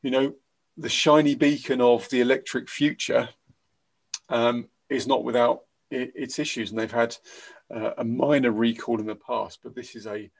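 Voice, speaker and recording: A man's voice: medium pitch, steady tone, normal speed, vocal fry. A man, co-hosting a casual news podcast, hesitant with many fillers. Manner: hesitant, many ums and uhs, trailing off softly. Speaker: podcast co-host.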